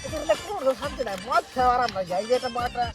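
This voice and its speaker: A man acts out a town drunk, boisterous and rambling. He repeats himself like someone deep in his cups, in a homemade comedy sketch. Loud music plays over the voice. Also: lively intonation, very fast. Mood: boastful, rowdy. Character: boisterous drunk village man pouring drinks for friends.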